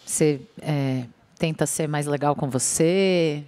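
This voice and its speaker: A woman's voice: sits low, slow pace, dark tone. A woman journalist interviewing a guest, asking short questions and making brief, reflective remarks.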